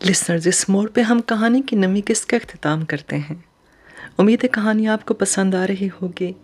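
A woman reading a novel aloud as an audiobook narrator, with steady storytelling. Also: mid-range voice.

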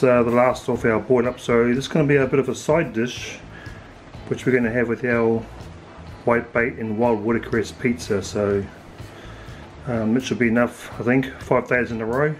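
A home cook vlogger in his forties, with a New Zealand accent and a mid-range voice, chats casually as he cooks and tastes food in his home kitchen. He's relaxed and thinks aloud with fillers. His voice is slightly hoarse, as if he's losing it.

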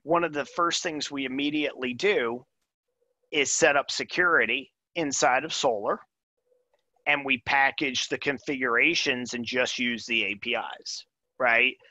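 Casual male presenter, bright dry voice, talks through a demo over a video call. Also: medium pitch, unhurried, dry recording, lo-fi sound. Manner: casual, thinks aloud with frequent "right?" and "um". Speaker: presenter demoing software.

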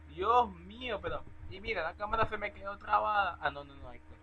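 A young Venezuelan man with a Venezuelan Spanish accent, chatting with strangers on a video chat site and talking into his laptop mic, playful and pleading, breaking into loud calls. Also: high-pitched, a little fast, dull audio. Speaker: vlogger.

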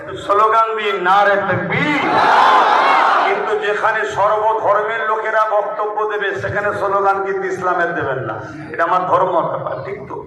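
A man's voice: high-pitched, brisk. A man with a West Bengal accent giving a rousing religious rally speech, exhorting the crowd and asking it to respond. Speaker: religious leader addressing a rally. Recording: very echoey distant PA with crowd.

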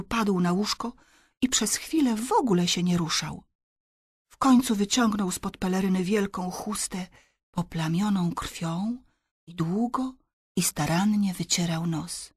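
A woman narrating a children's audiobook in an expressive, dramatic reading voice. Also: mid-range voice, a little slow, slightly rough, no echo, clean studio sound. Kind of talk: scripted storybook narration.

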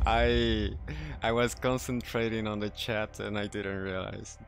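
A man streaming a game in casual chat, speaking careful non-native English, halting and self-correcting, laughing often. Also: on the low side, animated, faint music behind.

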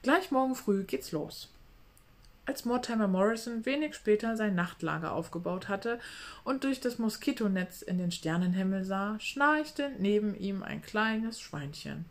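A woman calmly reading a children's book aloud. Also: medium pitch, moderate pace.

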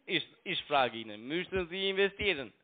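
A man whose voice runs on the high side speaks expressively at normal speed, in an argumentative phone call. He has a foreign accent, isn't a native German speaker, and repeats his phrases insistently in broken sentences. He is a phone broker and scam caller, recorded over a tinny narrowband line.

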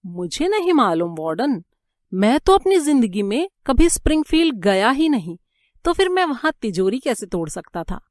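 A woman's voice: fairly high pitch, very animated, moderate pace, darkish tone, no room sound, studio quality, pitched above the performer's own voice. A woman doing a wide-eyed young convict. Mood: protesting. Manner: feigned innocence, wide-eyed protest. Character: innocent-acting young male ex-convict safecracker.

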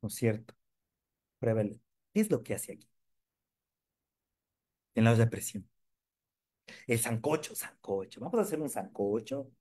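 A man's voice: medium pitch, moderate pace, pauses often, breathy edge. A man leading a live sales training demonstration, joking with and quizzing his audience. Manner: lively, jokes and quizzes the audience.

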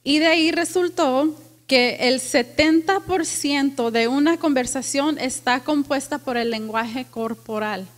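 A woman pastor preaching a lively sermon to a congregation, asking them questions and dropping in English phrases. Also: sits high, unhurried. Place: church with congregation.

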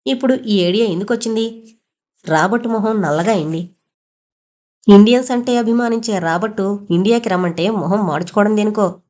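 A woman's voice: mid-range voice, brisk, darkish tone. Woman narrating an audio novel. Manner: reads every character herself with small voice shifts.

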